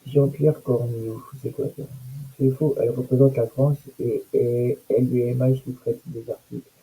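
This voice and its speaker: A man's voice: mid-range voice, level tone, normal speed, dark tone, slightly rough, rough recording. A man giving casual, sarcastic commentary on news items and comments, with mocking asides.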